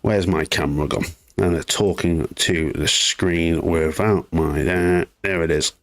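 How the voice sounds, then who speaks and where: A man's voice: sits low, steady tone, measured pace. A man hosting a live gaming news stream, chatting casually, rambling off on asides and answering viewers in chat. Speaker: gaming news livestream host.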